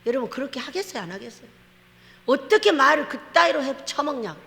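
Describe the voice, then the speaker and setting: A woman pastor preaching a lively sermon, telling stories with laughter and acting out quotes in a church. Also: high-pitched, fast talker, gravelly. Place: church sanctuary. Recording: long hall reverb.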